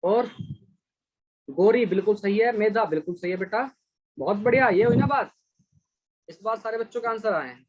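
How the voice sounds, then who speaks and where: A man's voice: high-pitched, rough recording. A man teaching a math class online, patiently explaining steps and praising students by name as he checks their answers.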